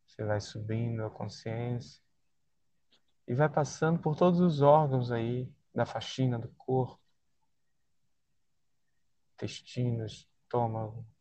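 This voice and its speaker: A man with a Brazilian accent leading a guided body-scan relaxation in a soothing, unhurried way, leaving long pauses between short phrases. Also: mid-range voice, dark tone, no room sound. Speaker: guided meditation leader.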